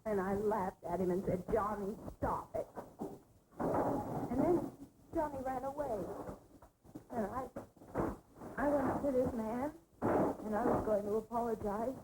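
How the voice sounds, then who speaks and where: An actress playing a young woman in shock, telling an attack in halting, tearful bursts in a 1960s horror film. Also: fairly high pitch, heavy background noise, natural voice. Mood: dazed. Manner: halting, dazed, breaking into sobs. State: crying, in shock. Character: dazed terrified young woman recounting an attack. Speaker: film character.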